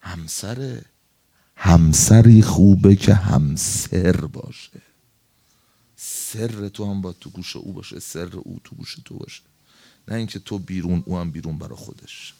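Impassioned male preacher telling a story. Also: gravelly. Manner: swings between loud high emphasis and low asides. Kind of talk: religious sermon to a gathering.

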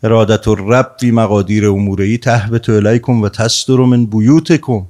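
Man preaching, loud then hushed. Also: fairly even intonation. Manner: swings between raised emphatic lines and hushed low asides. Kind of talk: sermon with retold story.

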